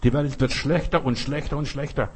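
Husky-voiced preacher. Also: male voice, medium pitch, fairly even intonation, a little fast. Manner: direct, addresses listener as du, emphatic repetitions. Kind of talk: sermon.

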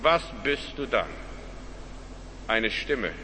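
A male pastor preaching with a bright, forceful voice that rises high in emphatic calls and sinks low in hushed asides. His sermon rings with a long reverb through the church hall, over a faint hiss of background noise. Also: animated, very slow. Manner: emphatic preaching, swinging between loud rising calls and quiet low asides.

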